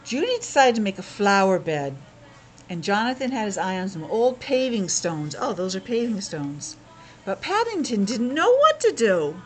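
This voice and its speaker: With big pitch swings in her mid-range voice, a woman reads at normal speed from a picture book to a group of young children. As their teacher, she keeps pausing for chatty explanations, questions and asides.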